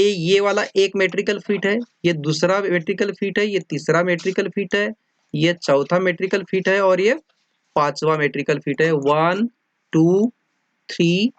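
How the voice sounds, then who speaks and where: Mixing Hindi and English, a teacher lectures a class, going over points repeatedly and checking that everyone keeps up. The voice is mid-range and the recording has no room sound.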